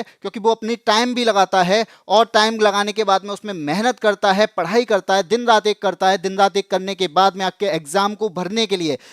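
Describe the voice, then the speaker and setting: In a clean studio with no echo, a high-voiced man presenting for an exam coaching channel delivers an explanatory news update to students, speaking emphatically and repeating phrases for stress.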